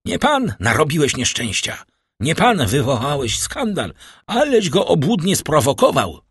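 A man's voice: fairly high pitch, wildly swooping pitch, measured pace, husky, pitched above the performer's own voice, exaggerated voice. A man reading a cold, proud young nobleman. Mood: bitter accusing. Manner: cold, challenging.

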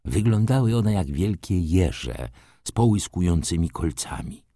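A man reading a story aloud in the first person, with expressive scripted narration. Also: low voice, measured pace, breathy edge, no room sound, studio quality. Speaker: audiobook narrator.

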